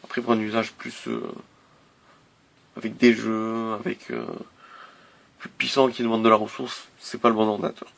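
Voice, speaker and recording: Male tech reviewer, gravelly, casual and hesitant delivery with frequent restarts. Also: lowish voice, little pitch movement, normal speed, pauses often, a bit bright. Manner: hesitant, many fillers and restarts.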